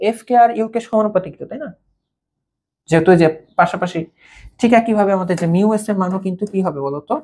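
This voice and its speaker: A woman's voice: on the low side, darkish tone, breathy edge. Woman teaching physics, checking in often. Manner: conversational, keeps checking understanding with questions; repeats key terms for students to note down. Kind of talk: recorded video lecture for school students.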